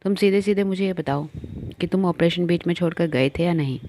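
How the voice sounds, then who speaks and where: A woman's voice: lowish voice, brisk, warm tone, a little hiss or hum, close to an everyday voice. A woman voicing an angry middle-aged wife and mother who scolds her husband sharply. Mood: scolding.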